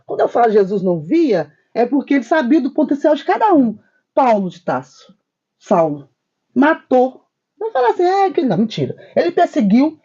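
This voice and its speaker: A woman's voice: mellow, breathy edge, muffled recording. A woman co-hosting a spiritist discussion program, speaking emphatically and telling stories with quoted dialogue. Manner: wide swings of pitch when stressing points. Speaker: co-host.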